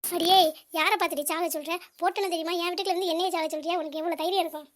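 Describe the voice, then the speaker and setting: A woman voicing a sharp-tongued elderly mother in a cartoon, scolding and bossy. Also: very high voice, steady tone, rapid-fire. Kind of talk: cartoon comedy voice acting.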